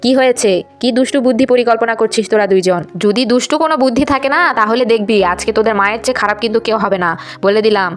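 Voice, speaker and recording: A woman's voice: a little high, very fast, faint music behind, lightly acted. Woman voicing a strict scolding mother. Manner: scolding, stern questioning. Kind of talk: puppet story voice acting.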